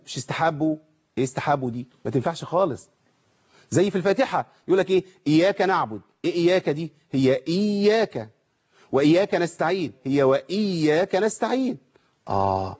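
Husky, fast-talking Egyptian teacher. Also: male voice, fairly high pitch, warm tone, muffled recording. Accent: Egyptian Arabic. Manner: asks rhetorical questions, demonstrates pronunciation slowly. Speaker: Quran recitation teacher. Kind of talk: televised lesson.

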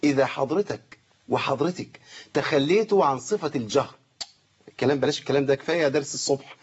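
Fast-talking husky Egyptian teacher. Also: male voice, medium pitch, muffled recording. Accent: Egyptian Arabic. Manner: corrects students, drawls out recited words. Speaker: Quran recitation teacher. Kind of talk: tajweed lesson with recited examples.

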